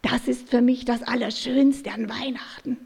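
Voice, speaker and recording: A high, greedy magpie, as a woman reading a fable puts her on croaks eagerly. The voice rings in a long reverb. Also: fairly even intonation, moderate pace, darkish tone.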